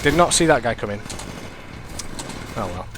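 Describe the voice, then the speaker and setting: A congested young man with a mid-range voice and moderate pace offers casual commentary on the game he's playing, against a noisy background. He sniffles, rambles, corrects himself along the way, and reacts with excitement.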